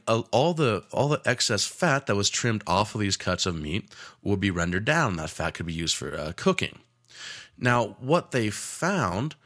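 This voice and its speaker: Male chef-teacher, deep and forceful tone, casual, filler-heavy delivery with wry asides. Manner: casual, rambling with frequent fillers; joking asides. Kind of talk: cooking lesson.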